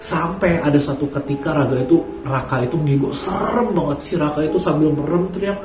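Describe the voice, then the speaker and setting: A man's voice: fairly high pitch, a little fast, noisy background. A man hosting a horror story channel, chatting casually and addressing his listeners directly. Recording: echoey room, faint music.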